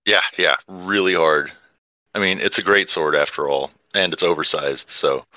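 Bright-voiced man playing a tabletop game. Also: low voice, moderate pace, no room sound, dull audio. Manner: hesitant, swears, many fillers. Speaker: player. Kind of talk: tabletop game play, casual.

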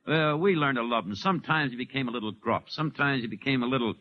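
A man's voice: mid-range voice, quick pace. An older man, a former ballplayer turned announcer, recalling anecdotes in a rambling way with many fillers. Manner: rambling storyteller with frequent "uh" fillers. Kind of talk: anecdotal recollection in an interview. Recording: muffled 1950s radio recording.

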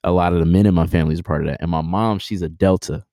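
A young man with a very deep voice talks through a casual interview, recorded dry and close. He rambles in a relaxed, slangy way, full of fillers and restarts. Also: rapid-fire, no echo. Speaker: podcast guest.

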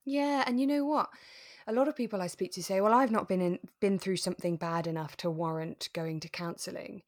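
Talking over a radio drama on a podcast, this woman co-host has a lowish, slightly mellow voice and a fairly quick pace. She is casual yet earnest, clearly enthusiastic about the subject.

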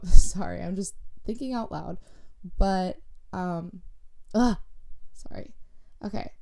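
A teenage girl hosting a solo podcast, rambling casually and stopping to correct herself. Her voice is deep, low and mellow, with a rough, gravelly fry running through it. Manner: rambling, chatty, many fillers and self-corrections. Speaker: podcast host.

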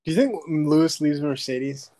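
A man's voice: on the high side, normal speed, warm tone, no room sound. A young man co-hosting a casual podcast chat, asking questions and laughing easily. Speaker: podcast co-host.

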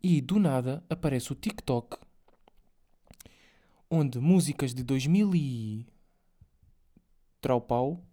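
Dark, mellow and mid-pitched, the podcast host's voice is animated, yet he takes things slowly with long pauses. He's a young man with a European Portuguese accent delivering a rambling solo monologue, slangy and loose, full of fillers and now and then a curse.

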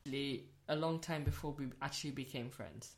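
Candid, animated young woman. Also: a bass voice, normal speed. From born in Rwanda, raised in South London. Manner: candid and animated, swears freely, repeats phrases for emphasis. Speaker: podcast guest, host's friend. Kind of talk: casual podcast chat.

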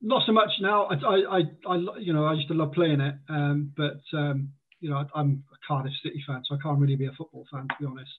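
A Welsh man with a blend of Welsh and southern English accents chats casually as a podcast guest, often restarting sentences and acting out quotes. His fairly high, fairly even voice moves quickly with hardly any pauses, over a tinny, phone-like line with slight background noise.

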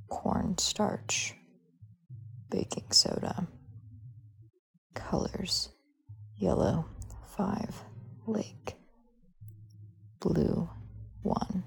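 A woman hosting a sleep podcast, whispering slowly and softly as she reads lists item by item. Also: on the low side. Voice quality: breathy, husky whisper. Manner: slow soft whisper, reading list items one by one. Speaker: podcast host.

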